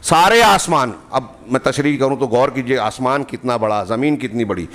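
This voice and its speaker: A man with an Indian Urdu accent giving a Friday sermon in a mosque. He explains terms in short repeated phrases and rises to fervent, emphatic peaks before dropping low. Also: a bit bright. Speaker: preacher.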